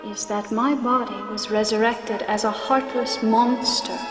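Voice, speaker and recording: A woman playing the gentle, sorrowful ghost of a noblewoman in a video game, speaking solemnly and formally. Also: a little high, steady tone, measured pace, natural voice. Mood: grave. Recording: echoing long reverb under loud music.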